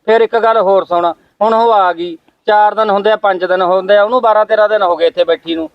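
A man playing an aggrieved young son, quick and high. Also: steady tone, no room sound, muffled recording. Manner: complaining, pleading. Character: aggrieved young married son pleading with his parents. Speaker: actor in a family skit. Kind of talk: home-made family drama skit.

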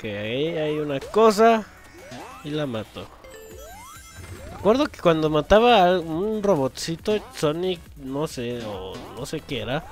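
A young man, commentating a video game as he plays, swearing loudly and laughing often at what happens on screen. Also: on the high side. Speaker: gameplay commentator. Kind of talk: let's play commentary.

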